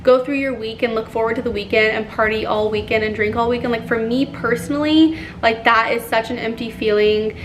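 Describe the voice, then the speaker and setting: A woman's voice: fairly high pitch, fairly even intonation, a little fast, few pauses, slight background noise. A woman in her twenties talking earnestly in a casual confessional vlog, full of "like" fillers. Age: 20s. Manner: chatty, filler-heavy with frequent "like"; earnest, apologetic. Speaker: YouTuber.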